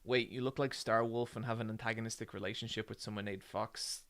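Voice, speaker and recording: Gravelly forty-something man chatting with viewers. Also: on the low side, steady tone, a little fast, fairly bright tone. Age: 40s. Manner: joking, rambling, many ums. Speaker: streamer. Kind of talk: casual live-stream chat with viewers.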